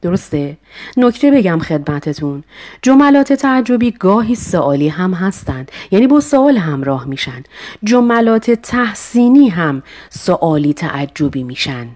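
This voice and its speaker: A woman teaching a poetry recitation lesson, reading verses slowly and expressively, then explaining them with polite, formal address. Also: lowish voice, very animated, darkish tone.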